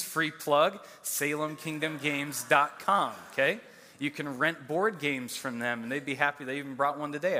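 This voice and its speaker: Animated, self-mocking male pastor preaching. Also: a little high, big-room sound. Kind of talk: sermon.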